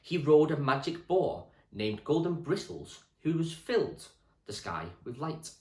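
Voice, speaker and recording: In an echoey space, a man who teaches primary school narrates a history book meant for children. His medium-pitched delivery is clear and full of expression, pitched at a young audience.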